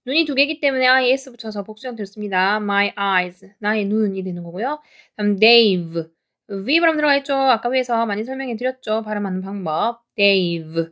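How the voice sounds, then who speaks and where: A woman teaching an English lesson in Korean, patiently explaining pronunciation and repeating example sentences slowly. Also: a little high, a bit bright.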